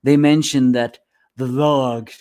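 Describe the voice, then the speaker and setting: Man reviewing manga solo, rambling, sleepy, mid-pitched voice. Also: steady tone, slow pace, a little mellow, smooth. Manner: rambling, repeats and restarts words. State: sleepy, yawning. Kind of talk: solo spoken chapter review.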